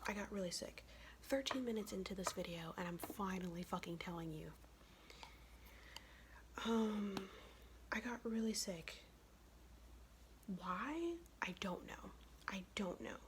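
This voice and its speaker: A young woman whispers right into the mic, her voice raspy and worn from illness. She tells a blunt, profanity-laced story in a chatty whispered ASMR style, at a middle pitch. A faint hiss sits under her voice. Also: animated, a little slow, long pauses. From United States. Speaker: ASMR vlogger.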